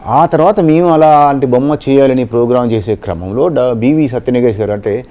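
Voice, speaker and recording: A middle-aged ventriloquist from southern India talks quickly in a mellow, warm tone. He rambles through his story and often restarts his phrases. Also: medium pitch. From Khammam region, southern India. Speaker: ventriloquist and mimicry artist, guest. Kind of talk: casual interview storytelling.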